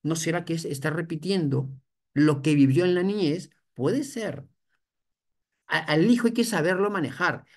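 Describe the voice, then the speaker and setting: Mid-pitched voice, family counselor, educational parenting talk, explanatory, rhetorical questions, frequent restarts. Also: normal speed, a little mellow. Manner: explanatory, repeats points, often adds "for example". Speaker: family counselor addressed as doctor.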